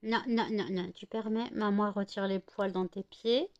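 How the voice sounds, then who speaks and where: A woman's voice: mid-range voice, fairly even intonation, measured pace, highs cut off. Exhausted woman cooing to her dogs. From France. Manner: coos baby talk to her dogs. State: exhausted after one hour of sleep. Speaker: vlogger. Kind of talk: casual home vlog. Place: at home.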